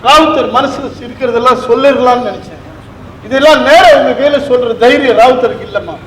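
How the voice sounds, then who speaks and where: An actor playing an older family friend on stage, earnest, patient and respectful. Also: male voice, extremely high pitch, fairly quick, a bit bright. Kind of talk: 1970s Tamil stage play acting. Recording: echoey hall, faint noise, stage recording.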